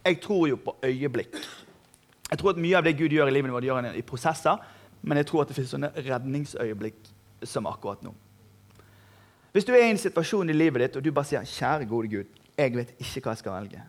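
Male pastor, energetic sermon delivery with humor and emphatic rises, slightly higher voice. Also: pauses often. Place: church hall.

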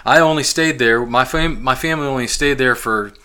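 A man's voice: medium pitch, brisk, pushed and bright, clean tone. A man in his forties hosting a podcast, telling his own story in a rambling monologue full of restarts. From Ohio and Kentucky, US. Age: 40s. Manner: rambling, many restarts and fillers, chuckles often. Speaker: podcast host. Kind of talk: casual personal monologue.

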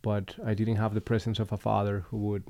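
A man from Colombia hosting a relaxed conversation, speaking reflectively with frequent pauses and restarts. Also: on the low side, vocal fry, dry recording. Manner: reflective, unhurried, with fillers and restarts. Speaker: podcast host. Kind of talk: casual conversation.

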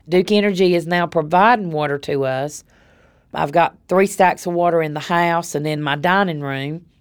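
Gravelly low Southern woman. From North Carolina. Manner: plain-spoken, conversational. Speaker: affected resident telling her story. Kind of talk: personal storytelling.

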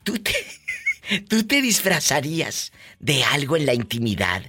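A Mexican man hosting a radio call-in show, campy and teasing, with a voice that leaps wildly in pitch and sounds bright and forceful. He laughs often, with faint music underneath. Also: sing-song, unhurried, husky. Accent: Mexican Spanish. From Mexico, Tamaulipas. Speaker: radio host. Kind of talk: flamboyant radio call-in banter.

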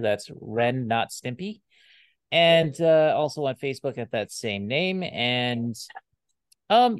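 A man's voice: mid-range voice, clear, resonant tone, no echo. A man co-hosting a casual podcast chat, laid-back and given to jokey asides. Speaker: podcast co-host.

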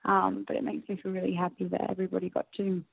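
A young woman, soft and reflective, speaking in a personal interview and laughing often. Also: mid-range voice, monotone, fast talker, gravelly, breathy edge, no room sound. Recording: tinny phone-like audio, faint music.

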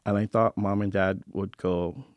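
A man's voice: low voice, measured pace, no room sound, muffled recording. A middle-aged man from Hawaii, interviewed for a radio feature, telling family stories and acting out the voices of relatives. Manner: animated anecdote teller, acting out family voices.

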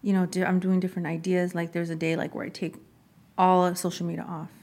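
A woman's voice: fairly low pitch, level tone, fast, vocal fry, darkish tone. A young woman, a social media creator, chatting casually as an interview guest, trailing off with lots of fillers.

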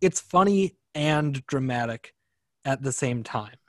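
A man's voice: medium pitch, expressive, slow, a bit bright, no room sound, clean studio sound. A man guesting on a casual film podcast, talking in an easygoing, thoughtful way with small stumbles.

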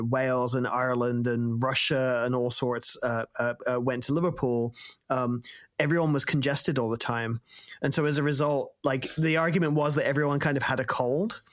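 A man's voice: mid-range voice, a bit bright. A man hosting a casual conversation, enthusiastic and rambling, with many restarts.

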